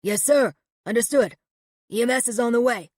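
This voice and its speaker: A firm male firefighter calls out loudly and briskly in an audiobook, as a woman narrator puts him on. He sounds official and efficient. The recording is dry and close. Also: a little high, no echo, close to an everyday voice. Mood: urgent. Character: firm male firefighter calling through doors.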